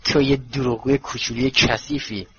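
A man voicing a thin, spiteful middle-aged aunt who speaks in a hushed, hissing way, in a storybook reading. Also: mid-range voice, fairly even intonation, husky, highs cut off.

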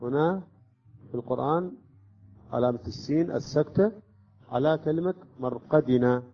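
A man's voice: mid-range voice, normal speed. A man teaching Quran recitation rules step by step, often checking with his listeners. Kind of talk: tajweed lesson explanation. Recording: dull lo-fi recording.

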